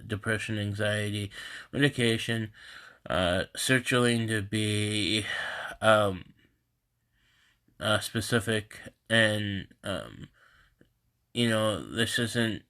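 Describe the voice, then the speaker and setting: A man with a stuffy, congested nose, talking in a halting, rambling way on a casual live stream from home into his phone. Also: on the low side, pushed and bright. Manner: halting and rambling, many restarts. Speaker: host of a live group stream. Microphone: phone camera.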